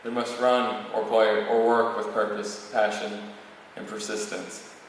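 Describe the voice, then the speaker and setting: A young male student of about eighteen, the valedictorian, gives a formal graduation speech from a podium, reading a prepared text with occasional stumbles. His voice is low and even, at a measured pace. He speaks to an audience in a large, very echoey hall, recorded from afar with a distant mic and faint noise.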